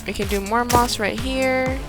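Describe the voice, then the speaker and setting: A woman with a fairly high voice gives casual gameplay commentary. She thinks aloud as she goes, in an excitable way. Music plays clearly behind her. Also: unhurried. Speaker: gaming video host.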